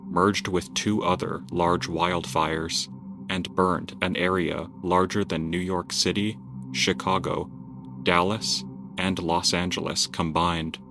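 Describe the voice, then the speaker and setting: A man narrates in a low voice, reading scripted documentary copy. Music plays clearly underneath the narration. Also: flat delivery, slow pace.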